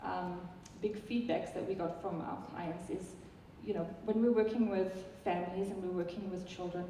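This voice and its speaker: In a fairly low, dark voice that stays steady at a moderate pace, a South African software presenter with a South African accent gives a chatty live product talk full of ums and restarts. The recording comes from far away in an echoey hall and carries a little hiss or hum.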